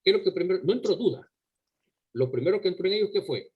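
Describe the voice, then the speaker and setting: Husky-voiced male preacher, emphatic. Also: high voice, lively intonation, fast, narrow, tinny audio. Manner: emphatic, asks the listeners rhetorical questions; repeats words and restarts while preaching. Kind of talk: sermon to a congregation. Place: church service before a congregation.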